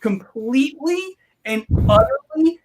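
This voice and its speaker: A man's voice: extremely high pitch, lively intonation, measured pace. A man co-hosting a podcast from home, chatting eagerly and animatedly and saying "bro" and "dude" a lot. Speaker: podcast co-host. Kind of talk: excited casual chat.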